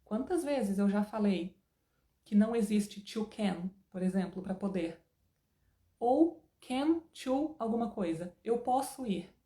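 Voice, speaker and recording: A woman's voice: mid-range voice, expressive, slow, warm tone, reverberant. A woman with a Brazilian Portuguese accent giving an online English lesson, explaining patiently with opinionated asides. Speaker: English teacher.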